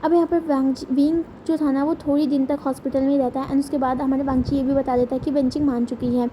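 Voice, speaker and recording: A woman with a high voice and a dark, mellow tone narrates a fan-fiction story in a loose, chatty way. She repeats herself and corrects slips as she goes. A faint hiss sits under the recording. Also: little pitch movement, quick pace. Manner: chatty, repetitive, self-correcting. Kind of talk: casual fan-fiction retelling.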